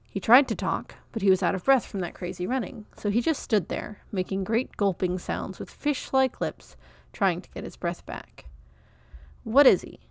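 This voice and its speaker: A woman narrating a children's novel in a clear, expressive read-aloud. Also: mid-range voice, normal speed, no echo.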